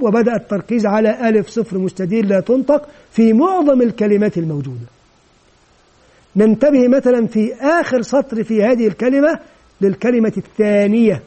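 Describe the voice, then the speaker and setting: Sex: man. Role: teacher trainer for Quran reading. Style: instructional lecture. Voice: very high, soft and mellow. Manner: patient, stretches out syllables and repeats them. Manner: methodical, step-by-step explanation.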